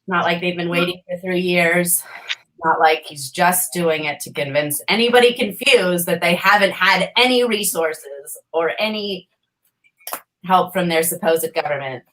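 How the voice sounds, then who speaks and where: A woman's voice: on the low side, a little slow, fairly bright tone, poor audio. A woman co-hosting a political talk show, speaking in a pointed, sarcastic way over a video call. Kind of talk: casual chat.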